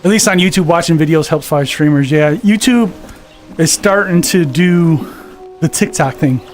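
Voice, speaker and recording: A man whose voice is a little high speaks at a moderate pace during a casual live game stream, with soft music in the background. He's out of breath from walking on a VR treadmill in his home gaming setup, reading viewer comments aloud and chatting back.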